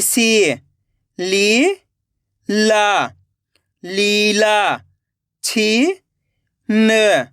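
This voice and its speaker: A man's voice: sits high, pushed and bright, smooth, no echo, clean studio sound. A man teaching reading in an online lesson, sounding out syllables one by one and coaxing viewers as friends. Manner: sounds out syllables slowly, drawing out words.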